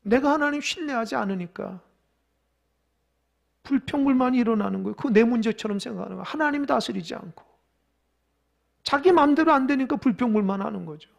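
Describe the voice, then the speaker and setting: Male pastor, sermon, very high voice with gravel, shifts from hushed to loud, leads group reading. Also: expressive, a little fast, long pauses. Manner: swings between soft near-whispers and loud emphatic appeals; leads congregation in call-and-response reading.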